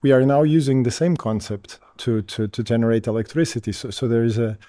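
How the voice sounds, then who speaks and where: A man from Portugal, an industry representative, explaining in an interview in a halting way that repeats words at the start of phrases. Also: mid-range voice, steady tone, warm tone, dry recording, studio quality. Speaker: wind energy company representative.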